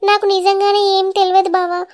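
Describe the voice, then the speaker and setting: A woman voicing a young cartoon wife, protesting her innocence. Her voice is extremely high and plaintive. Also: level tone, fairly quick. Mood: pleading. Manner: pleading, plaintive. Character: wronged young wife, pleading and tearful.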